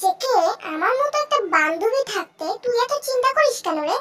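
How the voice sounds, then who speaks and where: A woman's voice: extremely high pitch, sing-song, a little fast, a loud crowd, pitched above the performer's own voice. A woman voicing a confident young woman who promises to fix her friend's problem. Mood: bossy. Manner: bossy, self-assured.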